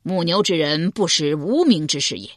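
A burly male herdsman in a historical audiobook, proud and aloof, as a woman narrator puts him on. He speaks in a measured, deliberate way with a slightly husky, dry sound. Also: deep voice, animated, fairly bright tone, dry recording.

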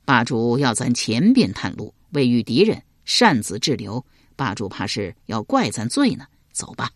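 A man's voice: mid-range voice, very animated, normal speed, no room sound, clean studio sound, pitched below the performer's own voice. A man voicing a cunning, ruthless male barbarian marshal in a storybook reading. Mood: scheming. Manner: scheming, then threatening.

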